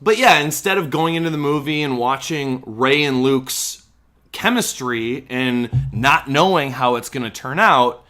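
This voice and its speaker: A man's voice: mid-range voice, expressive, a little slow, pushed and bright. A man co-hosting a podcast, chatting casually and a bit rambly about a movie trailer. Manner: rambling, restarts and fillers, playful. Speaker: podcast co-host.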